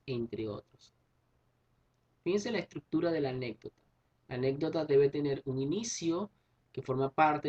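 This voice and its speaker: A male teacher talks through a class lesson in a husky, slightly rough voice. He explains patiently, circles back to rephrase his points and checks in with his students. The recording sounds dull and lo-fi. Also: a little high, a little mellow. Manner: explains patiently, repeats and rephrases, tag questions.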